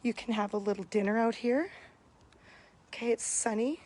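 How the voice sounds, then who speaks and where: A real estate agent giving an enthusiastic live walkthrough tour of a house and talking straight to her viewers while she walks around with a phone. Her voice is going a little hoarse. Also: fairly high pitch, moderate pace, darkish tone. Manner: bubbly, enthusiastic, addresses viewers directly. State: losing her voice. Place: indoors and outdoors at a house. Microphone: phone held while walking.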